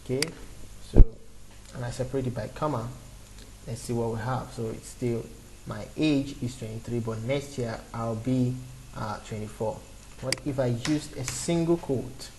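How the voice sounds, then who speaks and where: A man in his twenties gives an off-the-cuff beginner programming lesson in a screen recording, walking through each step with fillers and restarts. His voice is medium-pitched at normal speed, with background noise behind it.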